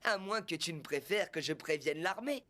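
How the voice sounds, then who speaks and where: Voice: mid-range voice, animated, moderate pace, pushed and bright. An actor voicing a cocky, hot-tempered teenage boy in a dubbed anime, brash and blunt. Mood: confident, needling.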